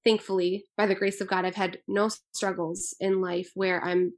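A woman's voice: mid-range voice, little pitch movement, moderate pace. A woman in her twenties, born in Albania, speaking as an author in an earnest, thoughtful interview. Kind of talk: interview answers.

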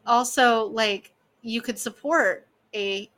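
A woman in her thirties, the dungeon master, chats casually with friends, rambling with plenty of fillers and laughter. Her voice is on the high side and a bit bright, and she talks slowly.

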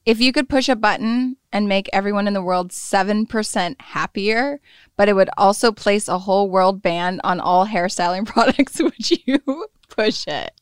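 A woman hosting a podcast in casual interview chat, playful, firing off quick questions and laughing often. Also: medium pitch, smooth, dry recording, studio quality. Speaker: podcast host.

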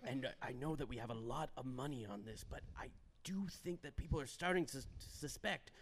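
A man's voice: mid-range voice, fairly quick, close to an everyday voice. A man in improvised comedy playing a nervous, deferential mayor's aide and fight promoter who stammers. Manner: stammering, hesitant.

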